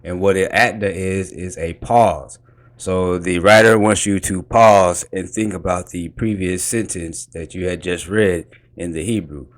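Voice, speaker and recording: A man's voice: low-pitched, fairly even intonation, measured pace. A man in casual commentary, explaining and correcting points step by step and repeating himself as he goes. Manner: explains points over and over, repeats "you know what I'm saying". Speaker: commentator reacting to a teaching clip.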